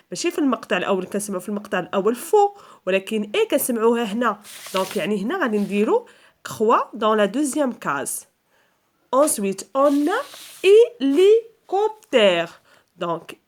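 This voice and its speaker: Moroccan lady teacher, bouncy up and down voice, says each word slow and stretched then again, patient kids lesson. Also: a little high. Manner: stretches out example words slowly and repeats them; patient step-by-step explaining. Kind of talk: school lesson for young children.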